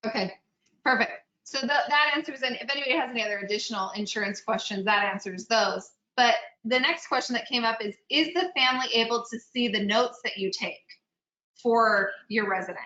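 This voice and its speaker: A woman moderating a panel webinar on a video call, relaying audience questions with upbeat, quick acknowledgements. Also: fairly high pitch, bright, forceful tone. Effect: video call audio. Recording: muffled, roomy video call audio.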